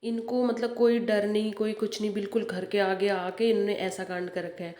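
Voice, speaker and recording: Lady vlogging from her rooftop, normal pitch, earnest, repeats stuff, telling local news casually. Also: level tone, normal speed, a little mellow, no room sound. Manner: earnest, repeats herself for emphasis. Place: outdoors on a house rooftop.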